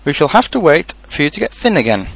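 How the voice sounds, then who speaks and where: A sensible, fond young boy from a storybook acted by a man. His speech is affectionate and assured, lively in pitch and recorded dry. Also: quick pace, creaky, no room sound, heavily acted. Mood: reassuring. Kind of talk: storybook character reading.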